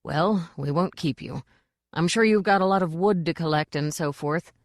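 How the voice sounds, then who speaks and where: A storybook dwarf, short-tempered and sullen, muttering every line as a woman narrator puts him on. His voice sits deep and gruff and is recorded close and dry. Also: normal speed, no room sound, natural voice. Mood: grumbling. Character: grumpy sour male dwarf wagon driver.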